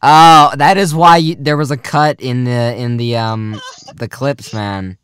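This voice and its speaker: A young man hosting a casual, goofy podcast chat, talking in a mock-serious, rambling way that often trails off quietly. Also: mid-range voice, fairly even intonation, a little slow, clean tone. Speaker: podcast host.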